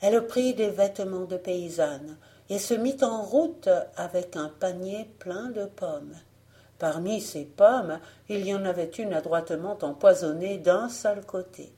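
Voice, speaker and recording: A woman narrating a fairy tale audiobook. Her delivery is slow and deliberate, and her tone is dark and mellow. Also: on the low side. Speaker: audiobook reader.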